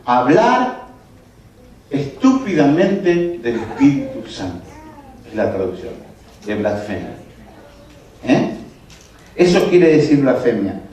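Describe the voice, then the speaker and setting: Male pastor preaching, slow and emphatic, lively rising and falling pitch, distant mic in a very echoey church. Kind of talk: sermon. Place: church hall.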